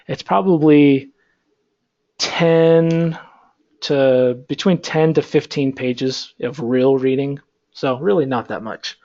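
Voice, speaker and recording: A man's voice: mid-range voice, dull audio. A male instructor lecturing an online class over a computer call, rambling with lots of fillers. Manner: rambling, filler-heavy, relaxed. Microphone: computer mic on a video call.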